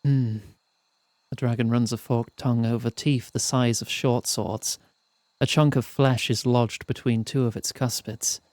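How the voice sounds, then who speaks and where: A man streaming a fantasy role-playing game, reading its text aloud in measured storytelling style and chatting between passages. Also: medium pitch, level tone, darkish tone, no room sound.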